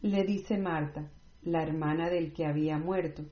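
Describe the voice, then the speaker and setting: A woman reading scripture aloud in a measured, scripted way, with no commentary. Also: low-pitched, fairly even intonation. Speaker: Bible reader. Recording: roomy, slightly dull recording.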